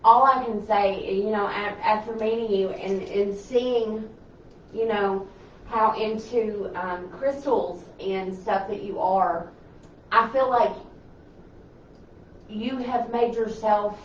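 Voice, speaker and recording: A woman in a paranormal group chatting casually on a live show, speaking haltingly with frequent ums. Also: mid-range voice, fairly even intonation, a little hiss or hum. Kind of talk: casual live-stream chat. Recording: roomy, distant, slightly dull live-stream audio.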